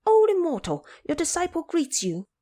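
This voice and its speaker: A woman voicing an eager, cheeky male monkey in an audio drama, excitable and insistent as he questions. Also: extremely high pitch, moderate pace, pitched above the performer's own voice, heavily acted. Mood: excited. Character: eager, cheeky young-sounding male Monkey King seeking immortality.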